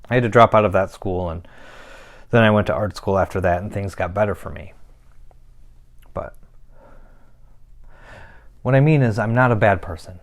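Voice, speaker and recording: Man acting as a troubled young man, deep voice, gravelly fry, halting confessional monologue, frequent pauses. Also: natural voice. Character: troubled young man confiding a painful past. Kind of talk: dramatic monologue.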